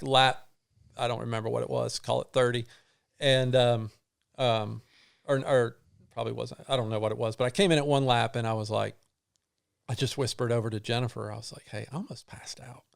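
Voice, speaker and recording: A middle-aged man, a guest on an interview show, telling a long personal story in a halting way, with many restarts and fillers. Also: mid-range voice, creaky, smooth. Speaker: guest runner.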